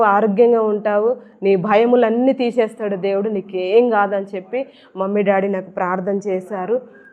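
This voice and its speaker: A woman giving an earnest personal religious testimony and repeating her phrases as she tells it. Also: a little high. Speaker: church member giving testimony. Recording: tinny phone-like sound.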